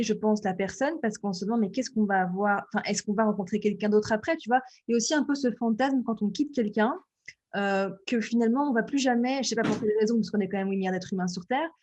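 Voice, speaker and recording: A woman hosting an interview, speaking thoughtfully and pausing often with fillers. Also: on the high side, darkish tone. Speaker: host. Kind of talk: conversational interview.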